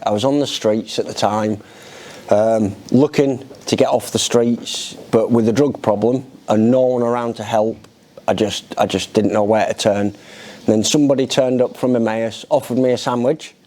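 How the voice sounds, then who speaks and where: A man's voice: mid-range voice, dark tone. A middle-aged man with a British accent, talking conversationally about his own experience in an interview. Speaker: charity resident being interviewed. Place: indoor lounge, seated in an armchair.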